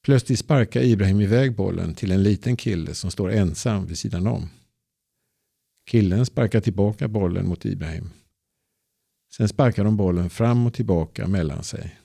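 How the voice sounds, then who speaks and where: Male narrator, low gravelly husky voice, dark tone, dry close sound. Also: no echo. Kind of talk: easy-Swedish storybook reading.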